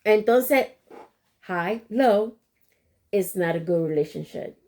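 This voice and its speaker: Animated woman. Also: mid-range voice, slow. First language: Spanish. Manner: animated and expressive, switching between Spanish and English. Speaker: co-host. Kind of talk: casual bilingual chat.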